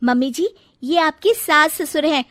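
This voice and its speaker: A woman's voice: high-pitched, lively intonation, measured pace, dry recording, clean studio sound. A woman voicing a cheeky, defiant young daughter-in-law in a cartoon story, talking back with a sassy manner. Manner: sassy, mock crying.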